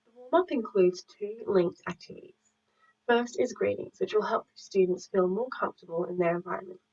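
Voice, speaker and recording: A woman's voice: medium pitch, creaky, a little mellow, far from the mic. Woman presenting a drama lesson. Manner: measured, explanatory, reads from a script. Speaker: student teacher presenting a lesson. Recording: muffled audio, speaker away from mic.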